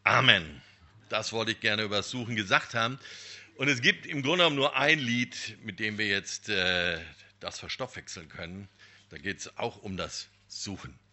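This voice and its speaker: A man preaching a sermon, telling a parable in a lively, emphatic way. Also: on the low side, moderate pace. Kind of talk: sermon with storytelling.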